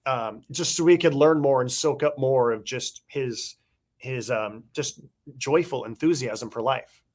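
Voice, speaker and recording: A man's voice: medium pitch, darkish tone. A middle-aged man co-hosting a podcast, a former baseball beat writer, telling casual nostalgic stories in a reflective way. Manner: reflective, nostalgic, drawn-out anecdotes. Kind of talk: casual conversational storytelling.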